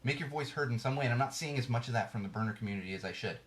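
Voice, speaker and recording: Speaking very fast in a mid-range voice, this man hosts a podcast and rants about the news in blunt terms. Restarts come frequently, and a slight hoarseness creeps in as he gets worked up.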